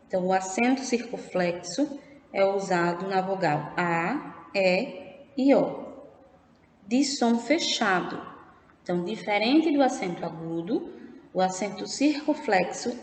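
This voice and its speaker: Slow, patient Brazilian woman teacher. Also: medium pitch. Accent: Brazilian Portuguese. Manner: slow, patient explaining, often checking with "certo?". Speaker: primary school teacher. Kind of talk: recorded remote lesson. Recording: echoey room with faint background noise.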